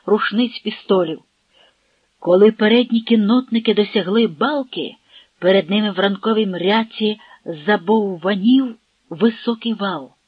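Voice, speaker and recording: Audiobook narrator, slow dramatic reading, dry dull recording. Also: medium pitch, slightly rough, no echo. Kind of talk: audiobook narration of a historical novel.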